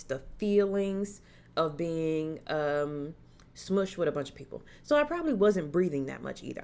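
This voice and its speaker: A young woman who makes horror vlogs tells a personal story in a loose, lively manner, taking on the voices of anyone she quotes. Her voice sits low.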